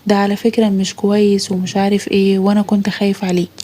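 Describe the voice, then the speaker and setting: A woman's voice: medium pitch, completely flat delivery, rapid-fire, mellow, lightly acted. A woman voicing a domineering grown man. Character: grown man, older half-brother, domineering.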